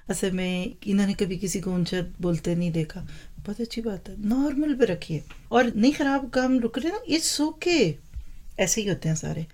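A woman's voice: medium pitch, a little mellow. A woman teacher giving an Islamic talk into a microphone, speaking straight to mothers with rhetorical questions and homely everyday examples. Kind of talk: Islamic lecture on parenting. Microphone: microphone in front of her.

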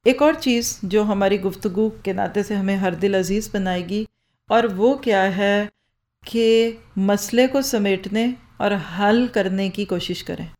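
A woman's voice: medium pitch, slow pace, a little mellow. A woman giving a lecture on speaking skills into a microphone in a hall with an audience. She poses rhetorical questions and answers them herself. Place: lecture hall with rows of listeners. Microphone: handheld or stand microphone.

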